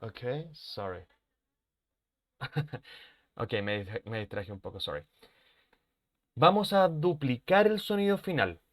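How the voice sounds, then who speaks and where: A man who speaks natively, teaching a live online English lesson, explaining in mixed with English and slowly repeating example words. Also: mid-range voice, lively intonation. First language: Spanish.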